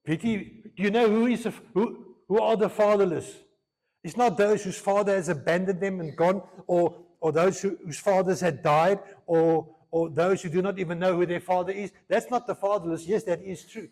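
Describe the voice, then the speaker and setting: Bilingual pastor preaching. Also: male voice, high voice, steady tone, moderate pace, darkish tone. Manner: switches between Afrikaans and English mid-sentence, earnest, repeats phrases. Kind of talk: sermon.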